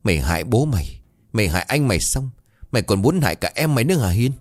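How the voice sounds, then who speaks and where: A man voicing a shrill, abusive middle-aged mother who screams curses at her daughter in rapid tirades. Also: big pitch swings, a little mellow, no room sound. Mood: screeching, abusive. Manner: cursing, screeching, rapid tirades.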